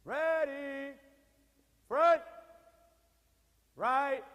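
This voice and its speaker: A man shouting drawn out military drill commands as a parade commander, stretching out the syllables. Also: extremely high pitch, very slow. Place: large indoor drill hall. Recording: dull recording in a cavernous reverberant hall.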